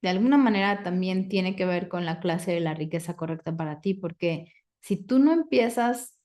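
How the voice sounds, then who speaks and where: A woman, coaching a live group, asking the audience questions and reciting clearing phrases. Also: lowish voice, normal speed, darkish tone. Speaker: facilitator.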